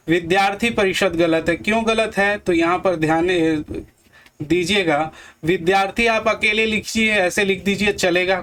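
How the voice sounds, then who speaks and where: A man teaching Hindi grammar for exam prep, slowly repeating each word and quizzing his viewers. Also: high-pitched, fairly bright tone.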